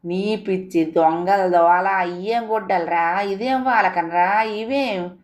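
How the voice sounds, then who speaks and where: A woman plays a doting old village grandmother in a spoken storybook. She scolds and coaxes slowly, stretching her words. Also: medium pitch, natural voice. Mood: fussing. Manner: scolding, coaxing.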